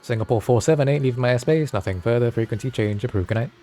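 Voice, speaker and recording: A man's voice: medium pitch, quick pace, mellow. A man acting as air traffic controller, giving clipped radio instructions to pilots.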